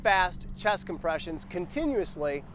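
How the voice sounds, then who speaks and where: High-pitched American male first aid instructor. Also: sing-song, measured pace, fairly bright tone, a little hiss or hum. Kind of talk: instructional demonstration to camera. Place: outdoors on a roadside sidewalk.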